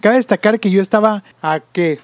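A man's voice: sits high, normal speed, no echo. A young Mexican man with a Mexican Spanish accent, animatedly telling a crude, slangy story in casual chat with friends. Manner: animated storyteller, crude slang, acts out his own cries. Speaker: podcast co-host telling a story.

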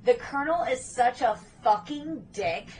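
Excitable, swearing woman podcast host. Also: a little high, a little slow, slight background noise. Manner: excitable, swears freely, acts out movie lines. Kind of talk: casual movie recap chat.

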